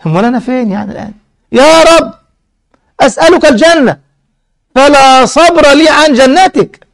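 A desperate, wide-eyed soul pleads at the gate of paradise, his voice climbing high and cracking with gravel, as a preacher puts him on. He begs over and over, bewildered and eager. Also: fast talker, a little mellow. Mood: pleading. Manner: begging, raised pleading voice.

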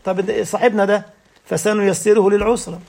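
A man's voice: high-pitched, fairly even intonation, fairly quick, gravelly, noisy background. A man with an Egyptian accent teaching a religious lesson, firing rhetorical questions and checking that his listeners follow. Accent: Egyptian Arabic.

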